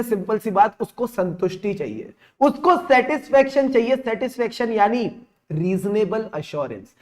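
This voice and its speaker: A young male teacher with a strikingly high voice leads a live online revision class. He speaks with lively energy, repeating each point and slipping English terms into his sentences. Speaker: CA exam teacher.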